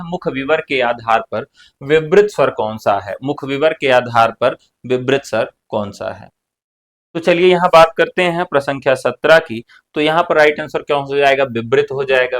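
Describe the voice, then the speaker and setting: A man's voice: medium pitch, fairly bright tone. A man giving an online lesson for a teaching exam, explaining answers by asking and answering his own questions, with casual joking asides. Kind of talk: online exam-prep lecture.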